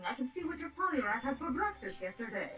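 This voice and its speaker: Cartoon fortune teller, scheming villainess, high pitch, grand mystical delivery, music underneath. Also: female voice, sing-song, fast talker, pushed and bright, heavily acted. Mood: portentous. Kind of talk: dubbed anime cartoon acting. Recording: cartoon soundtrack with music behind.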